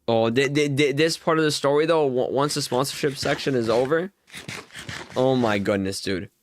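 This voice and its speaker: A young Minecraft streamer tells a long, rambling story while playing, full of fillers and exasperated laughter. His voice is medium-pitched and a little slow, with long pauses. The recording has no echo.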